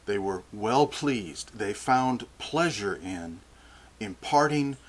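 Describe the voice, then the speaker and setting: An older man preaching a sermon, slow and deliberate, often restarting his phrases. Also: fairly low pitch, lively intonation.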